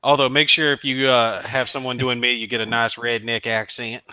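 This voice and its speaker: A man's voice: medium pitch, flat delivery, normal speed, a crowd in the background. A man from the US South with a Southern accent, teasing and joking in a casual podcast chat.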